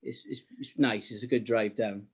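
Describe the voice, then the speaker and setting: A man's voice: lowish voice, steady tone, moderate pace, slightly rough. Modest man with a Welsh Valleys accent. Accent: South Wales Valleys. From South Wales. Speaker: podcast guest, sports graphic designer. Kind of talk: casual interview chat.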